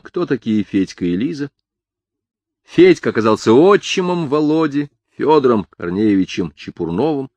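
A man reading an audiobook in scripted narration, in an even, measured way. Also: on the high side, no room sound.

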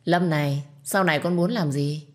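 A woman voicing a young mother who speaks softly and lovingly to her son. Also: deep voice, normal speed, natural voice. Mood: tender. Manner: soft, loving. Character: gentle young mother, tender.

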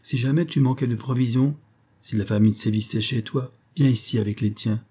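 A man voicing a calm, fatherly castaway leader who speaks in a measured, earnest and kindly way, in an audiobook. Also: mid-range voice, slightly rough, lightly acted.

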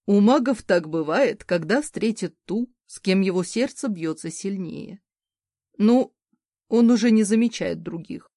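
A woman's voice: mid-range voice, lively intonation, measured pace, mellow, dry recording, clean studio sound. A woman voicing a worried, earnest father. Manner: concerned, earnest.

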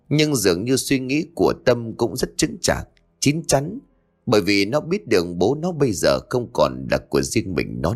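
A man narrating a ghost story in a dramatic, expressive reading. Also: on the low side. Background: faint background music.

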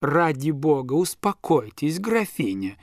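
A man's voice: on the high side, very animated, measured pace, no room sound. A man voicing a sanctimonious male tutor who speaks in a tragic, reproachful tone, in a dry, close recording. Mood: pompous.

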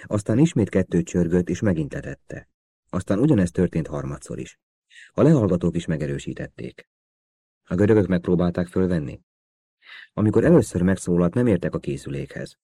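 A man's voice: low-pitched, animated, dark tone, husky, heavily acted. A man reading the part of a male police officer giving a matter-of-fact radio report in an audiobook.

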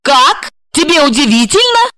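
A woman's voice: high-pitched, big pitch swings, normal speed, bright, forceful tone, voice pushed up, full character voice. A woman reading an audiobook and voicing a stormy, jealous young woman who mocks and interrogates her friend. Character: fiery, jealous young woman, sharp-tongued.

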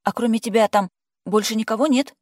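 A reader voicing a nervous young woman stuck behind her door, anxious and quick to snap back. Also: medium pitch, animated, no echo, studio quality, pitched above the performer's own voice, lightly acted. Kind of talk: audiobook character voice.

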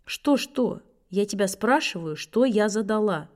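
A woman voicing a stern, impatient middle-aged schoolteacher who speaks low and strictly to a pupil. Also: animated, measured pace. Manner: strict, lower and quieter than the narration.

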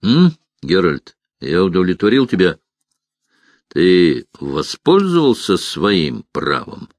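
A man reading the part of a proud, impulsive male sorcerer who speaks bitterly and shouts orders in an audiobook. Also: low-pitched, sing-song, slow pace, no echo, studio quality, full character voice.

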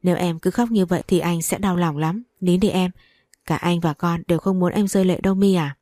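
A woman reading a gentle, loving young husband. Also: on the low side, brisk, dry recording, clean studio sound, lightly acted. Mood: tender. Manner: soft and soothing.

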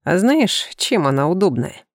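A woman voicing a playful, seductive male alien with a tail, speaking low and intimately with a gravelly edge. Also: very animated, moderate pace, dry recording, clean studio sound. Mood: teasing.

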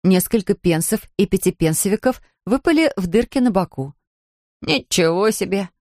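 A woman narrating a children's storybook with lively expression. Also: mid-range voice, brisk, no room sound, clean studio sound. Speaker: audiobook reader.

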